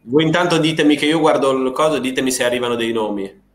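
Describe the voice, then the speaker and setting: A man's voice: medium pitch, steady tone, quick pace. A man hosting a live stream in a jokey, self-mocking way. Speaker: host and director of the live stream. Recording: echoey room with faint background noise.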